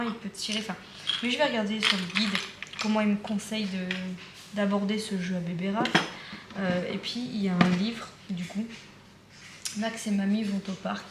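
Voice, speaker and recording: Young woman vlogger, excited and rambling, filmed on a phone in an echoey home with noise behind. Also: medium pitch. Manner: chatty, enthusiastic, repeats herself with many fillers. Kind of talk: casual vlog chat. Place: at home, indoors. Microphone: phone or camera close by. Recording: echoey room with background noise.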